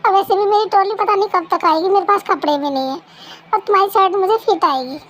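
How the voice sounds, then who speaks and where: A woman reading aloud puts on a bubbly young bride, pushy and playful, speaking in a very high, bright register. She sounds eager and insistent, a fan-dub storybook voice pitched well above an ordinary grown-up tone. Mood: coaxing. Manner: reads quickly, one reader voicing every figure.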